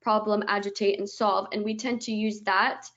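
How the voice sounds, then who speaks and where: A woman's voice: mid-range voice, flat delivery, moderate pace, fairly bright tone, muffled recording. A woman, a guest on a webinar, eagerly explaining her product step by step, stringing the steps together with "and then", over a video call.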